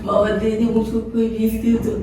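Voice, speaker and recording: A man's voice: sits high, completely flat delivery, fast, darkish tone, close to an everyday voice. A man playing a hungry, persistent street beggar who pleads repeatedly in an amateur vlog prank. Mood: pleading. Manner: pleading, repetitive begging. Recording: very echoey, distant mic, some noise.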